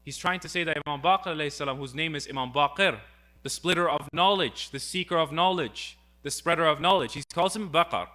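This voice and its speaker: A man's voice: fairly high pitch, fast talker, pushed and bright. A young man giving a religious talk, earnest and full of rhetorical questions as he retells a story. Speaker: speaker.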